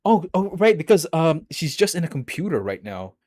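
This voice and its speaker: A man streaming a game, reading its story aloud and breaking off into excitable, laughing, sometimes swearing commentary. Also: on the high side, normal speed, no echo, studio quality.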